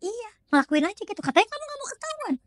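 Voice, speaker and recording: A woman's voice: very high-pitched, big pitch swings, rapid-fire, dry recording, clean studio sound, voice pushed up. A woman voicing a sly healer who gives matter-of-fact instructions. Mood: sly instructing.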